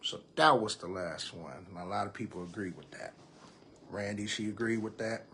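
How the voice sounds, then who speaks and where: Casual male live-stream host, thirties, lowish voice, faint hiss behind. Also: normal speed, pushed and bright. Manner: casual, drawling, reads comments aloud to viewers. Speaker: podcast host. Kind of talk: live-stream chat reading comments. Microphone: computer or phone mic on a live stream.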